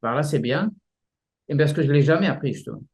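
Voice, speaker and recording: Male martial arts teacher, halting, vivid examples, guest interview. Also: fairly high pitch, animated, darkish tone. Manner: halting, many restarts, explains with images. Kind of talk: casual explanatory interview.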